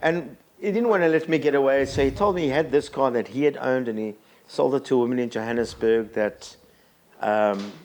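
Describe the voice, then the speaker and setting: A man's voice: mid-range voice, brisk. A man, a podcast guest telling long, rambling stories with many ums and restarts. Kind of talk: casual storytelling chat.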